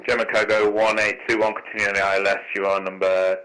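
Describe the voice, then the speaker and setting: A man's voice: lowish voice, flat delivery, fast, bright, forceful tone, poor audio. A man working as an air traffic controller, giving courteous standard instructions over aviation radio.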